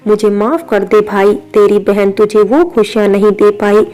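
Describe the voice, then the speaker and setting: A tender, weary young woman voiced by a woman narrator speaks softly and with affection in a storybook. The tone is smooth, warm and mellow. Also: mid-range voice, steady tone, measured pace, natural voice. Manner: soft, affectionate. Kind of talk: storybook reading.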